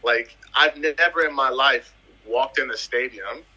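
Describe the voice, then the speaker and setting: Here the guest is a thirty-something footballer from the US Virgin Islands, telling the story of his career in a relaxed interview with emphasis and plenty of repeated phrases. He talks a little slowly, in a husky, sharp-toned voice of medium pitch. The audio is low quality.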